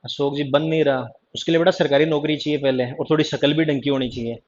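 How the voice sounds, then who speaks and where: A man's voice: a little high, fairly even intonation, quick pace, slight background noise. A man teaching English grammar in a live online class, chatty and teasing, repeating cues to pay attention. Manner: teasing, chatty, keeps repeating "ध्यान देना" and "ठीक है जी". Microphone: online class stream mic. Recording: dull lo-fi stream audio.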